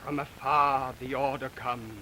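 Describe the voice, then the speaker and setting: A grave Eastern mystic, early talkie film. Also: male voice, mid-range voice, flat delivery, sharp tone. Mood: solemn. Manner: slow, measured, grave. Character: solemn Eastern mystic man, hypnotist. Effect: early talkie film sound. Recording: noisy early film soundtrack.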